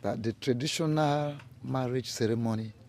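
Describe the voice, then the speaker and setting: A man's voice: mid-range voice, moderate pace, a little mellow, slight background noise, lightly acted. An actor playing a proud middle-aged village chief in a film drama, a man with an emphatic Nigerian-accented delivery. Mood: jovial, pleased. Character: proud, jovial village chief, father of a grown son.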